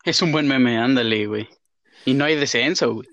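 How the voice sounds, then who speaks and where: A man's voice: mid-range voice, fairly quick, a bit bright, muffled recording. Man, Mexican accent, casual podcast banter, playful, heavy slang and swearing, no room echo. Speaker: podcast co-host.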